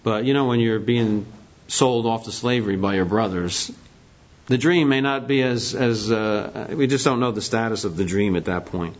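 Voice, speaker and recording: A man's voice: on the low side, normal speed. A man teaching a Bible study lesson in a conversational way, asking the class questions as he goes. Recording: dull lo-fi recording.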